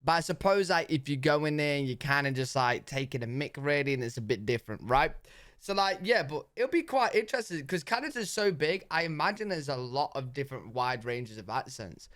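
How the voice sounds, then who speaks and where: A man's voice: fairly high pitch, expressive, a little fast, a bit bright, no echo, clean studio sound. A young British man reacting to a video with casual, chatty commentary. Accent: British English. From Britain. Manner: casual, chatty, slangy asides. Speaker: reaction streamer.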